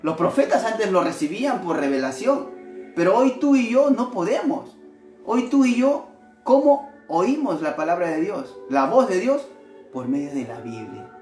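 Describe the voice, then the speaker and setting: A male missionary preacher delivering a devotional sermon in an animated way, often asking his listeners rhetorical questions. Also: sits high, measured pace. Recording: echoey room with faint music.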